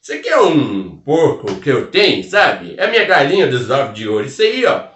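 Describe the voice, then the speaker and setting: Pitched a little high and somewhat bright, this brisk voice swoops wildly as the man rambles through a humorous folk tale in a Minas Gerais caipira accent, scattering country interjections and asides throughout. Recorded from a distance, it sounds roomy.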